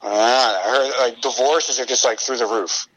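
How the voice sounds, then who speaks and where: A man co-hosting a podcast in casual comedic banter, joking and often breaking into high laughter. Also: steady tone, normal speed, a bit bright, poor audio. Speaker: podcast co-host.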